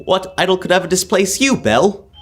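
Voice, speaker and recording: A man's voice: sits high, lively intonation, brisk. A young man playing an anguished, pleading miser in an old-time radio drama. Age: teens.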